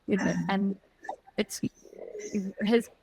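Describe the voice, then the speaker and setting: A woman from South Africa with a South African accent, a podcast guest telling a personal story in an earnest, reflective way with short halting phrases. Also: medium pitch, steady tone, creaky, noisy background.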